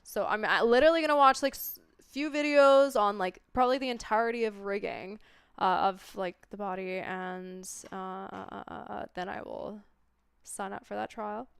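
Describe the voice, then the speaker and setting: A woman's voice: mid-range voice, moderate pace, gravelly, clear, resonant tone, dry recording. A stoned woman streamer chatting casually to viewers in a rambling, laid-back stoner way that drifts into tangents. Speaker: livestreamer. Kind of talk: casual livestream chat with viewers.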